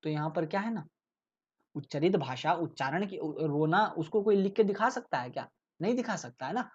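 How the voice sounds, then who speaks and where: Explaining exam topics in a relaxed lecture, this tutor poses rhetorical questions and keeps checking in with "ठीक है". He speaks at normal speed in a highish, expressive, darkish and slightly rough voice, and the recording is muffled.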